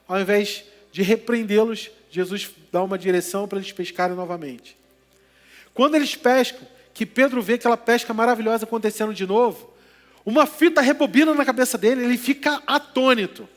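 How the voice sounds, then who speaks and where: A man's voice: sits high, brisk. A man preaching a sermon, telling the story with playful asides and questions to the congregation. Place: church. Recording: reverberant church hall with music underneath.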